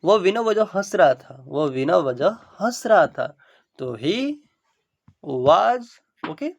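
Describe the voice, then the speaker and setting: A man teaching English through Hindi, his voice sitting a little higher than most men's. He drills each sentence slowly, word by word, and leans heavily on okay and now look as fillers. He speeds up when he steps aside to give advice. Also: sing-song, creaky, muffled recording. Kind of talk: spoken English lesson in Hindi.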